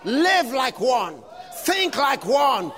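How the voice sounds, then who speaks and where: A man preaching with a very high voice that swoops up and down with lively inflection. He delivers his words slowly and deliberately, shouting his refrains to the congregation. His voice carries a long reverb, as if he is at the front of a large church hall. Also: some chatter behind. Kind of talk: fervent sermon with scripture reading.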